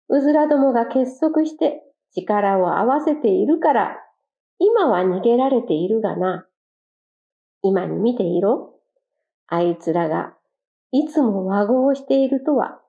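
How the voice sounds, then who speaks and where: Smug male bird-catcher, gruff and boastful, lo-fi storybook voice, put on by a woman narrator. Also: on the high side, animated, a little slow, dark tone. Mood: gloating. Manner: gruff, cocky, self-satisfied. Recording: dull lo-fi recording.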